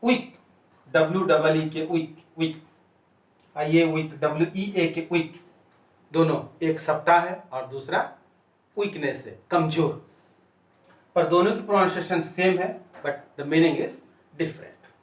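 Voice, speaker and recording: A man teaching English pronunciation in a Hindi-language lesson, repeating each word and spelling it out letter by letter. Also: on the high side. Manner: slow and deliberate, repeats and spells out words. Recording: echoey room, voice distant from the mic.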